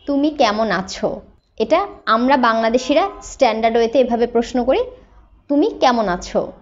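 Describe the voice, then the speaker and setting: A woman from Bangladesh, an English teacher, explaining patiently and slowing down to model sentences. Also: on the high side, darkish tone, dull audio. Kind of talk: explanatory lesson.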